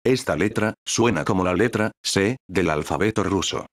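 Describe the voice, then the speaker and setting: A low-pitched male text-to-speech voice reads out an educational lesson. The delivery is evenly paced and synthetic, and the sound is dry and close with no room around it. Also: normal speed, dry recording. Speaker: narrator. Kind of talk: scripted educational narration.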